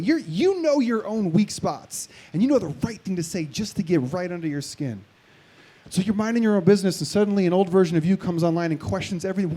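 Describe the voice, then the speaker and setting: Animated, lively male preacher. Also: high voice, no echo. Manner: animated, conversational, jokes with and directs the audience. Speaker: pastor. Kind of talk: live festival sermon.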